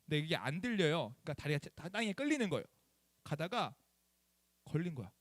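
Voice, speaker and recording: On the high side and fast-talking, a young youth pastor preaches to teens with an animated, chatty personal story, stopping to ask the students questions. It's lively sermon storytelling, recorded with no room sound.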